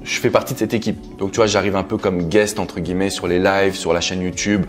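The speaker is a French coach and entrepreneur, a guest in an easygoing interview, talking a little fast in a fairly low voice. It's recorded indoors on a living-room sofa through a lapel mic, with quiet music in the background.

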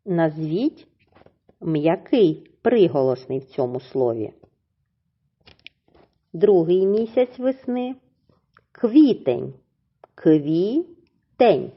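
A woman teacher with a husky voice, giving a slow, clearly enunciated reading lesson to young children and drawing out words syllable by syllable. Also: on the low side, big pitch swings, dull audio. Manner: syllable-by-syllable drawn-out pronunciation, encouraging. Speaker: primary school teacher.

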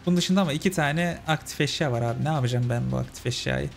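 A man's voice: mid-range voice, fast, gravelly. Chatty man over game music. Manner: chatty, talks to his viewers as friends. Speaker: gaming channel host. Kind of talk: casual let's-play commentary.

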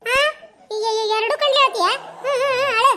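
A woman doing a shrill teasing village auntie. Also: fairly even intonation, normal speed, noisy background. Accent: North Karnataka Kannada. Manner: bantering, laughing, stammers when caught out. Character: chatty stingy older village woman, teasing. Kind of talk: cartoon comedy voice acting.

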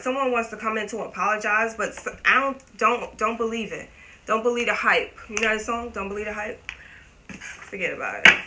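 A woman giving a casual tarot reading to her viewers, chatty and emphatic, swearing freely. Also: medium pitch. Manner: talks to viewers as "you guys". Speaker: tarot reader. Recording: steady background noise.

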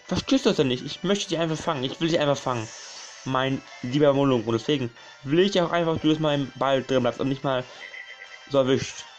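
A young man commentating his gameplay casually, excitable, swearing and pleading with the game while addressing his viewers as friends. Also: medium pitch, brisk, soft background music. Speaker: gaming channel host.

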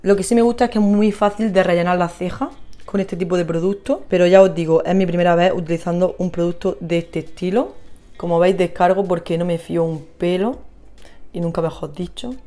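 Mujer española charlando mientras se maquilla. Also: female voice, on the low side, fairly even intonation, moderate pace, mellow. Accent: Spain Spanish. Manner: chatty, gushing, talks to viewers while applying makeup. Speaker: beauty vlogger. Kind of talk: casual makeup tutorial chat.

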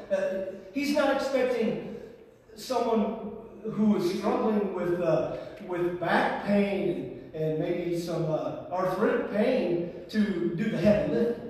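A man's voice: high voice, a little mellow. A man with an American Midwest accent preaching a sermon as pastor, with rising emphasis and folksy asides. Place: church sanctuary. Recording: echoey hall from far off.

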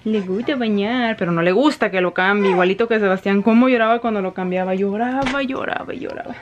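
A woman's voice: mid-range voice, quick pace, highs cut off, slight background noise. A woman with a Mexican accent chatting casually in a rambling way as a vlogger at home. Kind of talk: casual chat.

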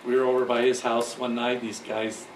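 An older man casually telling stories from his life, rambling with restarts and chuckles, and growing louder and livelier on the funny parts. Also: medium pitch, little pitch movement, normal speed. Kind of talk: casual reminiscing storytelling. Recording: echoey room, distant mic, background noise.

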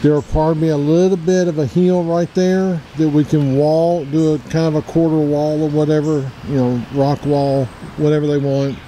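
The clip is a casual walkthrough vlog: a forties-aged Middle Tennessee man hosting an outdoors channel tours his backyard outdoors on a handheld camera, rambling, plainspoken and self-correcting. His slightly high, warm voice is delivered flatly at normal speed with few pauses. Slight background noise and poor audio accompany it.

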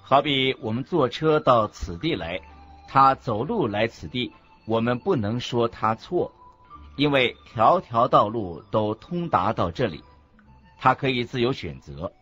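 Slightly rough and a bit bright, a man with a mid-range voice and lively intonation reads a monk's teachings, unhurried, in a radio drama. The scripted delivery is careful and didactic, muffled, with background music.

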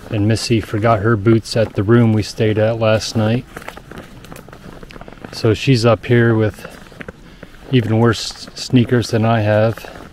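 A man with a fairly low voice talks his way along a snowy forest trail. His delivery stays flat and even as he calmly points out the route and the views. A faint hiss of outdoor air sits under his voice. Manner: relaxed, matter-of-fact trail commentary. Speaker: hiker narrating his own trail video. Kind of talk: casual hiking vlog narration.

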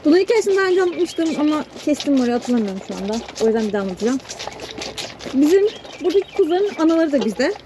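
High-pitched and rapid-fire with big swings in pitch, this young woman is a farm vlogger doing chores in a barn full of sheep and chickens. She chats casually to her camera, talks to herself, and coaxes the lambs as she feeds them. A head-mounted camera mic captures a noisy recording full of bleating lambs and sheep.

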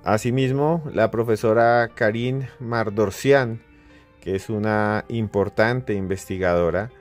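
A man hosting a podcast, narrating in a measured, emphatic way that slows on key words. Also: fairly low pitch, faint music behind. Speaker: podcast host.

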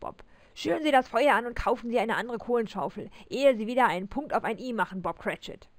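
A woman's voice: a little high, expressive, quick pace, no echo. Woman doing a grumbling old miser, mock-stern, storybook reading. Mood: mock-gruff. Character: gruff old miser turned kindly, male.

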